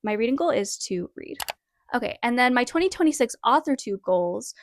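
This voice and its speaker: A writing vlogger in her twenties chats animatedly and a little fast, her voice slightly high, with a faint hiss or hum. She rambles and teases herself in a casual vlog filmed on her phone in her bedroom at her parents' suburban house.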